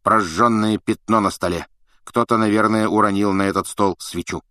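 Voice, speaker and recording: A deadpan, joking schoolboy, as a male reader does him in a low, flat mumble. Recorded dry and close for an audiobook. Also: moderate pace, no echo. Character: deadpan, joking teenage boy.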